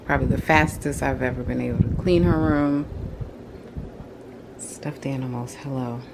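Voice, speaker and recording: A woman's voice: extremely low pitch, fairly even intonation, normal speed, creaky, noisy background. A young adult woman talking to viewers while she cleans her house, a bit out of breath. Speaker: cleaning vlogger. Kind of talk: casual cleaning vlog narration. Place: at home.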